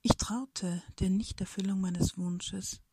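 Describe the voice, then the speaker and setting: A woman reading a reflective personal story aloud in a soft, breathy whisper, slowly and thoughtfully. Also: medium pitch, fairly even intonation, no echo.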